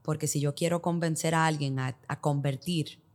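A woman's voice: low voice, fairly even intonation, moderate pace, darkish tone. A woman with a Dominican accent explaining things as an expert podcast guest, in Spanglish that drops English business terms into her Spanish. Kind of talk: explanatory interview talk with hypothetical examples.

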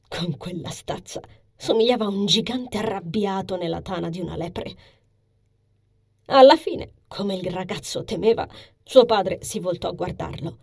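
A woman narrating a novel as a steady scripted reading, soft and hushed, sometimes sinking to a whisper. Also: mid-range voice. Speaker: audiobook narrator.

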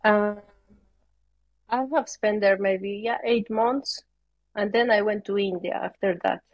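A woman's voice: medium pitch, fairly even intonation, measured pace, darkish tone, no room sound, muffled recording. A woman from Peru speaking English with a Peruvian Spanish accent, a yoga teacher chatting as an interview guest, hesitant and searching for words. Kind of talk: casual interview chat.

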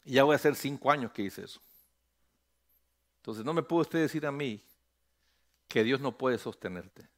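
A man's voice: medium pitch, animated, normal speed, long pauses. A middle-aged man, a pastor preaching a sermon, calling on the congregation to repeat after him and rising to emphatic peaks.

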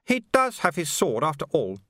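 A man voicing a poised, scheming older woman who is a society hostess, speaking smoothly and graciously. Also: on the high side, huge pitch swings, normal speed, no echo, studio quality, pitched above the performer's own voice. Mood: gracious, sly. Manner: smooth, gracious, quietly commanding.

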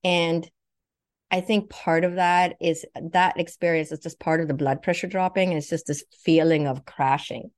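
A woman's voice: low-pitched, fairly even intonation, normal speed, darkish tone. A woman from Sweden telling a personal story in vivid detail, acting out what she thought and what others said. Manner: vivid, acts out quoted thoughts and speech. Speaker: guest.

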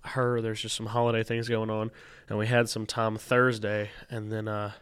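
A man's voice: fairly low pitch, completely flat delivery, moderate pace, a bit bright, clean tone, dry recording. A man co-hosting a podcast in casual, slangy chat, stuffed up with a cold and unable to breathe through his nose. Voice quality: congested, blocked-nose sound. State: congested from a lingering cold. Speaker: podcast co-host.

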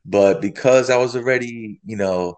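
A man's voice: medium pitch, normal speed, a little mellow. A man in his forties, a podcast guest telling rambling stories in casual chat, full of fillers. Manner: rambling storytelling with many fillers.

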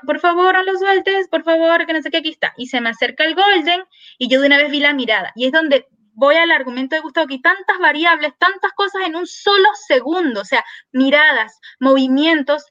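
A woman veterinarian guest on a podcast, telling a lively story and acting out the dialogue in quoted voices. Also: high voice, dry recording, dull audio.

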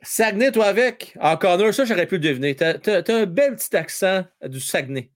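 A man's voice: high voice, lively intonation, brisk. A man with a Quebec French accent hosting a live stream, chatting casually with viewers and teasing them, repeating himself with lots of fillers. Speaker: live stream host reading viewer chat during a hockey game. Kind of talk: casual live chat with hockey updates.

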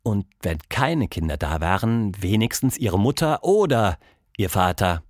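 A man reading a children's storybook aloud, with expressive, unhurried narration on a close studio mic. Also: lowish voice, no echo. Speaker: storybook reader.

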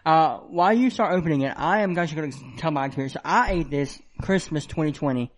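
A young man with a somewhat high voice, co-hosting a small podcast in easy, casual chat. He talks in an excitable, teasing way with plenty of "like" and "um". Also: quick pace. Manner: excitable, teasing, many fillers. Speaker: podcast co-host.

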